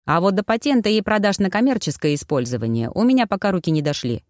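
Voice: medium pitch, very animated, quick pace, no room sound, studio quality, close to an everyday voice. A reader voicing a smug, self-satisfied male cyborg inventor who lectures the others, in an audiobook. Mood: lecturing. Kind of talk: audiobook reading.

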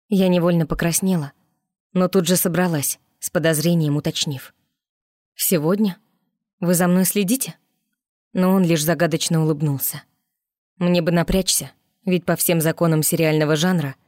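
A woman with a low voice narrates a first-person story in a steady, measured way. Her delivery is calm and scripted, recorded close and dry with no room sound. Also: no room sound.

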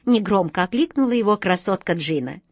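A woman narrating a children's adventure story with a measured, expressive reading. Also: medium pitch, no room sound, studio quality. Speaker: audiobook reader.

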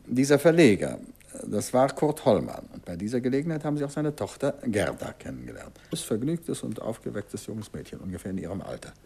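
In a 1950s German radio drama, an actor voices a middle-aged detective who is polite yet relentless, pressing his questions softly in a gravelly, husky tone. The fairly low voice is very animated, brisk, and heavily acted, and the mood is confronting and insistent.

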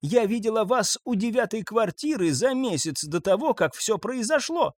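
A woman's voice: fairly high pitch, animated, moderate pace, a little mellow, no room sound, pitched above the performer's own voice. A man voicing a frantic older mother, shrieking and tearful as she accuses a neighbour. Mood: accusing.

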